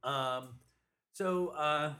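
A man's voice: fairly high pitch, drawn-out words, pushed and bright, clear, resonant tone. Joking, laughing male podcast co-host. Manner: joking, laughs often, swears casually. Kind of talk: casual chat. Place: apartment.

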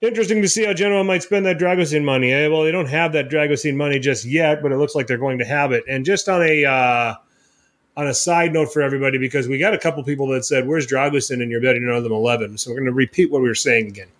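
A man's voice: medium pitch, quick pace, a bit bright. Man rambling through football recaps. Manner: rambling recaps with many fillers and restarts. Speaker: podcast host. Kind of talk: casual football podcast chat.

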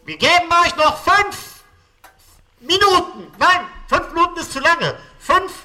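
A man's voice: very high voice, very animated, a little slow, pushed and bright, faint music behind, full character voice. A man voicing a trigger-happy police commander who barks orders in a comedy audio sketch. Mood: barking. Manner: barking orders. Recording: reverberant, from far off.

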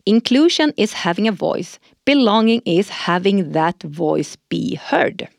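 A woman's voice: medium pitch, sing-song, unhurried, gravelly, a little mellow, dry recording, clean studio sound. Woman reading scripted podcast lines. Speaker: podcast host. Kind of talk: scripted corporate podcast dialogue.

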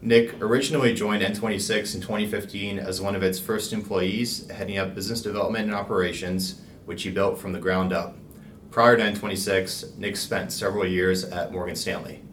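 A man's voice: deep voice, fairly even intonation, fairly quick, a bit bright. Man, podcast host, polished upbeat delivery, roomy echo, faint background hum. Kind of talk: scripted intro, then interview questions. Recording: roomy, distant from the mic.

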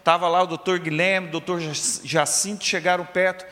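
A man preaching a sermon testimony, telling his story dramatically and swinging from loud, urgent lines to hushed ones. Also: sits high, little pitch movement, normal speed. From southern Minas Gerais, Brazil. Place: church service. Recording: long hall reverb.

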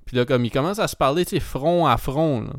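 A man's voice: on the high side, a little fast, no echo, studio quality. A man with a Québécois French accent telling a story in a casual chat, rambling with lots of fillers and dropping in English words.

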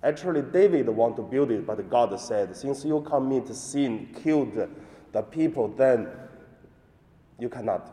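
A man serving as priest, reading the gospel and giving a homily in a slow, halting way with many fillers, in a cathedral echo. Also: mid-range voice, dark tone. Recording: cathedral echo, long reverb.

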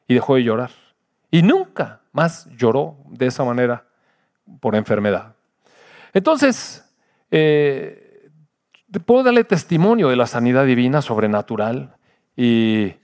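An older man, a pastor giving an earnest personal testimony in a sermon, his voice swinging from loud to hushed. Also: mid-range voice.

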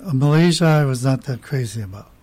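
A man's voice: mid-range voice, expressive, quick pace, a little mellow. A man guest in a casual talk, answering plainly and matter-of-factly with dry humor. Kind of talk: casual chat.

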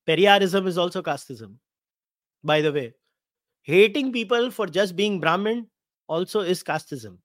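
Indian accent guy doing live commentary, kinda high voice, sarcastic n opinionated, really dry sound. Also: animated, unhurried, long pauses, no room sound. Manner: opinionated, sardonic, emphatic. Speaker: host of a commentary live stream. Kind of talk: casual live commentary, reading out quotes and answering viewers.

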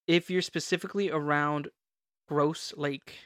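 A podcast co-host with a mid-pitched voice tells stories casually and playfully. The delivery is informal and chatty, recorded dry with no room sound. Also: fairly even intonation, measured pace, a bit bright, dry recording. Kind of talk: casual storytelling chat.

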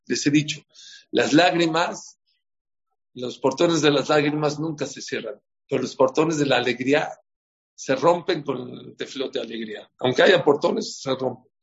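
A man giving a sermon as a rabbi, telling stories and asking his listeners questions. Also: a little high. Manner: storytelling, asks the audience questions. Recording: dull lo-fi recording.

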